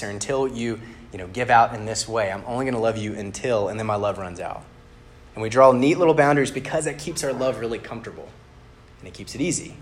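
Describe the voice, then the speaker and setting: A man's voice: medium pitch, a little hiss or hum. Man giving a casual sermon. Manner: conversational, relaxed. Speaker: campus ministry speaker.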